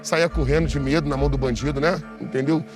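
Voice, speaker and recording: A man's voice: medium pitch, steady tone. A man, his voice electronically altered to hide his identity, answering interview questions bluntly. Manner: blunt, matter-of-fact, talks fast. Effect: electronically altered voice to disguise identity. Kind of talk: casual interview. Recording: music playing under the voice.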